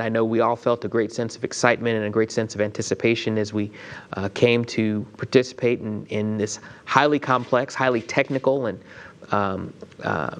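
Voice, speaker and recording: Casting: middle-aged American man, press briefing official, creaky flat delivery, deliberate and halting. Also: on the low side. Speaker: space mission team leader at press conference. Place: indoor briefing room. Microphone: lapel mic.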